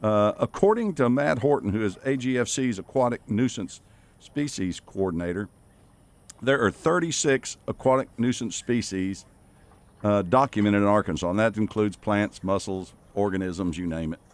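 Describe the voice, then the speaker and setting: A man's voice: on the low side, moderate pace. A man co-hosting a casual outdoor radio talk show in a folksy, joking manner.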